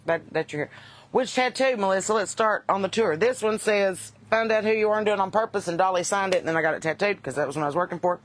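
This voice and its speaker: There's a little hiss or hum as a Kentucky woman, medium in pitch, talks fast with few pauses to her livestream audience. She hosts and sings, and her Southern-accented chatter is folksy, unpolished and wisecracking.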